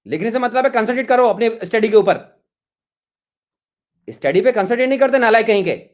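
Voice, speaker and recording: A middle-aged Indian man with a high voice lectures an online chemistry class. He scolds students over their chat questions with exasperation, repeating the same reproaches again and again. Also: lively intonation, quick pace.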